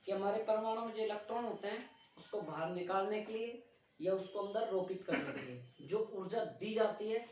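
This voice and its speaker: A man's voice: high-pitched, normal speed, darkish tone, a little hiss or hum. A man teaching a physics class, calling on students to stand and answer and scolding those who haven't studied. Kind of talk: classroom lecture with student questioning. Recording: echoey room from far off, dull lo-fi.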